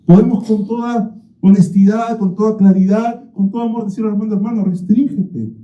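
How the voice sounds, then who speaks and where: A man's voice: high voice, steady tone, fairly quick. A man preaching an expository sermon as a pastor. He is emphatic, repeats key phrases and asks rhetorical questions, recorded in a church. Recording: roomy, slightly dull church recording.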